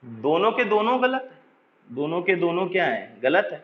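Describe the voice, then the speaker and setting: A male chemistry teacher giving a lecture, explaining step by step, asking and answering his own questions, and dictating slowly for notes. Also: sits high, sing-song. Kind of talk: classroom lecture. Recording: echoey room, dull lo-fi sound.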